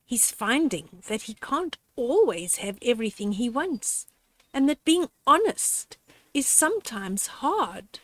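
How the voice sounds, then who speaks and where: In a dry recording, an older woman with a voice on the high side reads a children's storybook with very lively, swooping intonation and dramatic gasps. She goes slowly, pausing deliberately, and gently instructs the young listener by speaking straight to them.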